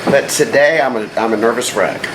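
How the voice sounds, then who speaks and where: A man's voice: medium pitch, a little fast. A middle-aged man speaking casually in an interview as a drag queen, with sassy, campy banter and dry teasing. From southern United States. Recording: very noisy room, loud background noise.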